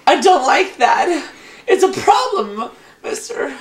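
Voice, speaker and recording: A man's voice: very high voice, sing-song, slow pace, roomy sound, full character voice. A man playing a shaky, disturbed patient in a comedy sketch, with a quavering, giggly voice that drops to whispers and rises to wails. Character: shaky disturbed man confessing odd flaws. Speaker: therapy patient.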